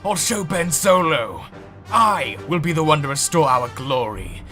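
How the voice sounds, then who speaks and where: A man's voice: a little high, sing-song, measured pace, sharp tone, heavily acted. A man playing a proud, ambitious military general in a fan comic dub, with a haughty, intense delivery. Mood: vengeful, determined. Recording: music behind the voice.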